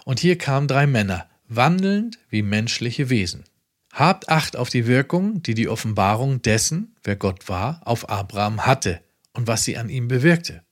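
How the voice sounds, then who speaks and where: A man preaching a sermon emphatically, with sudden loud raised phrases. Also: medium pitch, sing-song, moderate pace.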